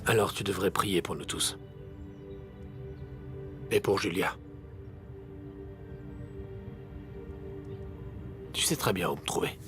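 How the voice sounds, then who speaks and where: An actor playing the purposeful leader of an action team in dubbed film dialogue. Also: male voice, low voice, normal speed. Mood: grave. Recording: music behind the voice.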